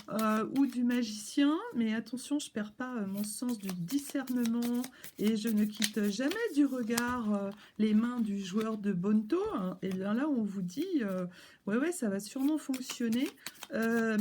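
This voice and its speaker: A woman's voice: on the high side, mellow, slight background noise. A woman doing a casual tarot reading at home, chatting playfully and speaking straight to her viewers. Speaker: tarot reader.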